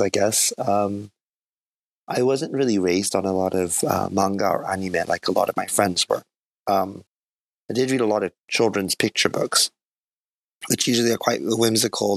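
In a casual interview conversation, an artist guest who grew up in Japan talks about his work softly and thoughtfully, self-deprecating and laughing a little. His voice is lowish, gravelly and husky. The recording is dry and the audio poor.

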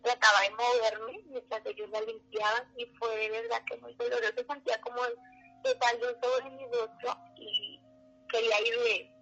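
A woman tells a deeply personal story with animated emotion and a bright, forceful tone. Her voice sits a little high. It comes through a dull, lo-fi phone line. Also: normal speed, faint music behind. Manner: animated, acts out the voices of others. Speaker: guest, mother telling her birth story.

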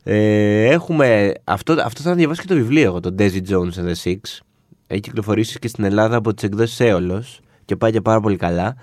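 A man's voice: fairly low pitch, a little mellow, no echo, studio quality. Chatty man co-hosting a podcast. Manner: chatty, laughs easily, lists shows with fillers. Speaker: podcast co-host. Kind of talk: casual chat about new TV series.

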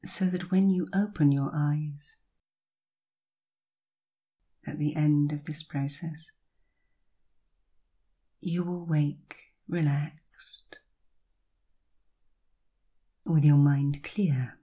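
With a steady tone, a woman whose voice is low, breathy, mellow, and soft guides someone through hypnosis. Her very slow delivery unfolds in soothing, elongated phrases punctuated by long pauses.

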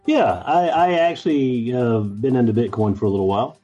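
A man's voice: medium pitch, fairly quick, warm tone, breathy edge, faint music behind. A man who owns an IT business, a podcast guest speaking in an easygoing, agreeable way. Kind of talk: casual interview. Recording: dull lo-fi audio.

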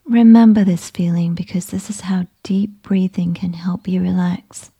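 Breathy whispery lady leading a meditation, super slow, mellow low tone. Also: steady tone. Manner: slow, soothing, gentle instructions. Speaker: meditation guide.

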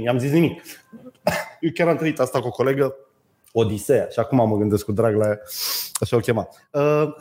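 A man's voice: medium pitch, a little mellow. Blunt, crude man arguing in chat. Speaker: podcast co-host. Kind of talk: casual chat.

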